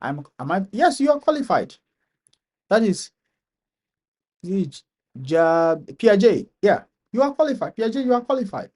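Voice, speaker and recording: A man with a Ghanaian accent runs a live-stream Q&A, reading viewers' comments aloud before answering each one. He often repeats his phrases for emphasis, and his voice sits a little higher than most men's. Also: big pitch swings, measured pace, long pauses, a little mellow. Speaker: channel host answering viewer questions.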